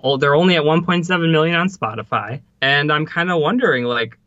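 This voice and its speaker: A man co-hosting a casual music news podcast, talking in an excitable, emphatic way and swearing freely. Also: on the high side, fairly quick, no room sound, dull audio. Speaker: podcast co-host.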